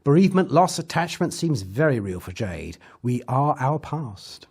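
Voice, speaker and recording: Husky, theatrical Doctor, acted by a man, swooping pitch. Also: sing-song, normal speed, darkish tone. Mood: reflective, storytelling. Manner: theatrical, whimsical, old-fashioned diction. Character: the Doctor, eccentric time-travelling adventurer recapping his past. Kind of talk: audio drama recap narration.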